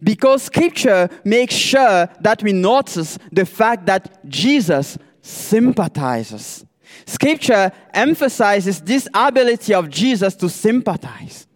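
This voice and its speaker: Preaching as a candidate for pastor, this man speaks slowly and deliberately, stopping to put rhetorical questions to his congregation. His voice is unusually high for a man, with a sing-song lilt, and it echoes through the long reverb of a church hall.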